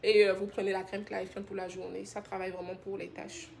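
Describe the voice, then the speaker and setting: A woman from Benin talks fast in a medium-pitched, slightly mellow voice with vocal fry and little pitch movement, plus a faint hiss or hum. As host for a skincare brand's live stream, she affectionately chats through viewer comments about skincare, reading them out and laughing often.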